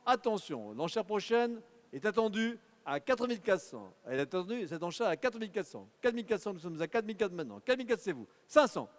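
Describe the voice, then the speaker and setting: A man's voice: high voice, sing-song. A man working as an auctioneer, calling bids in a rhythmic, urging patter at a live car auction in an auction hall. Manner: rapid rhythmic bid calling, urging bidders. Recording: long hall reverb.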